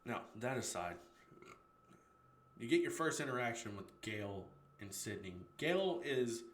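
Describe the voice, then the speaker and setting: A man's voice: mid-range voice, fairly bright tone, roomy sound, a little hiss or hum. A man casually retelling a horror movie scene by scene, swearing freely and laughing at his own retelling.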